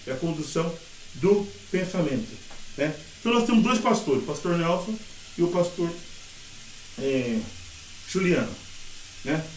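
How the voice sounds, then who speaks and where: Middle-aged male teacher, lively and chatty, high voice, recorded in a roomy space from a distance. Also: unhurried, pauses often, slight background noise. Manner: lively, acts out examples and quotes. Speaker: sign language interpreting teacher. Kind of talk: casual classroom teaching. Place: classroom. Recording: echoey room, mic at a distance.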